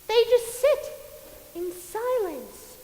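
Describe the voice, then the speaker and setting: A woman's voice: very high-pitched, big pitch swings, mellow, heavily acted. An actress playing a bubbly, touchy female Angel of Death in a stage musical dress rehearsal. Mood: chatty lecturing. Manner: bubbly, quick to flare up. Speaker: stage actor. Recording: echoey stage from a distance.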